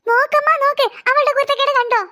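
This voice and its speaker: A woman's voice: steady tone, fast, pushed and bright. A woman voicing a cheeky, smug young girl who teases her sister in a cartoon. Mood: teasing. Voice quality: very high childlike voice. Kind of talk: cartoon voice acting.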